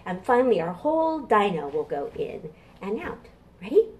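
A middle-aged woman with a mid-range, darkish voice and big swings in pitch talks at a normal speed while hosting a preschool storytime as a children's librarian. She addresses children and parents simply and encouragingly. The camera sits a short distance away in a home kitchen, and a little hiss or hum can be heard.

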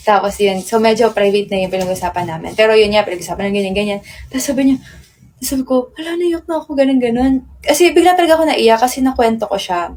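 A woman's voice: mid-range voice, brisk, a little mellow. A young woman with a Filipino accent chatting casually with fans on a live stream. She rambles through her stories, fills them with tag words and switches between Tagalog and English. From Philippines.

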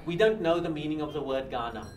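An older South African man gives an informal history lecture to a small class in a small indoor seminar room. His voice is a little high with lively intonation, and he explains haltingly, repeating words. The mic sits at a distance, picking up light background noise.

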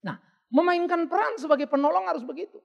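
A man's voice: very high voice, fast, vocal fry, highs cut off. A male pastor, preaching a sermon at a church service with playful wordplay and rhetorical questions.

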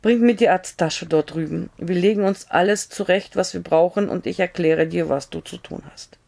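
Woman reading injured male doctor, calm, matter-of-fact, gravelly, audiobook. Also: fairly low pitch, normal speed. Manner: sober, matter-of-fact instructions.

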